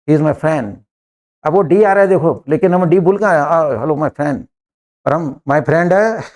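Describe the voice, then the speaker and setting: A lively middle-aged Indian man teaching English to a class, switching freely between Hindi and English. His voice sits a little high for a man. He speaks English with an Indian accent and stretches out the English phrases slowly. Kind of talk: classroom lecture.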